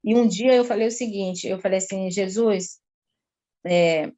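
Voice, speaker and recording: A talkative woman from São Luís, Brazil, giving an earnest personal testimony to a pastor at a slow, lingering pace. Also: mid-range voice, warm tone, dull audio.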